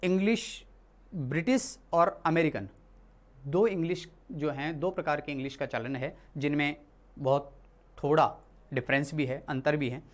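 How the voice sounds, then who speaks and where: Teacher from India, mid-pitched, talks through a lesson patiently, restating and correcting as they go. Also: unhurried. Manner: explains patiently, repeats and corrects itself often. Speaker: English teacher. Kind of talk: classroom lesson explained in Hindi.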